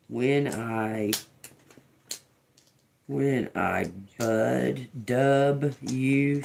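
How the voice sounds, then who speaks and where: A woman's voice: very deep voice, slight background noise. A woman in her fifties doing a tarot reading for viewers in an emphatic, chatty way, calling them y'all. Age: 50s. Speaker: tarot reader.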